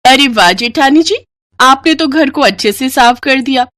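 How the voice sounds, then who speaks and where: A woman's voice: sits high, normal speed, fairly bright tone, no echo, clean studio sound, pitched above the performer's own voice. A woman voicing a spoiled, rich young daughter-in-law in a cartoon story, with a chirpy, mocking tone.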